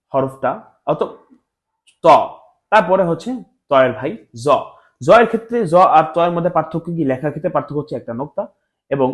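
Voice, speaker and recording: Guy teaching arabic letters one by one, kinda high voice, says each sound a few times. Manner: repeats each letter slowly, mixing in English words. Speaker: Quran teacher. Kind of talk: Arabic letter pronunciation lesson.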